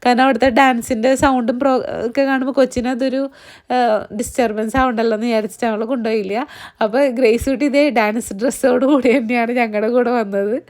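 A young woman narrating her daily vlog in a chatty way, her voice partly gone and hoarse. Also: on the high side, steady tone, a little fast, a little mellow. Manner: chatty, fills with "appo" and "kettō". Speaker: vlogger.

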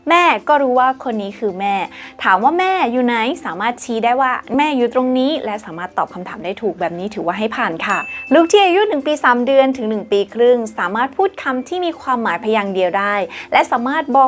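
A woman with a high, light voice teaches parents how to coax a baby into speaking. She talks politely and step by step, like a nurse giving advice. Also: big pitch swings, quick pace, hardly any pauses. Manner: polite, instructive, uses soothing baby-talk examples. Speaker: pediatric nurse host. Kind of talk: parenting tips with sponsored product reads.

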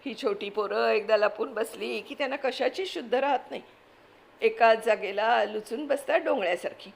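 A woman's voice: fairly high pitch, normal speed, vocal fry. A woman voicing a worried young boy. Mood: anxious. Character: frightened young village boy, anxious.

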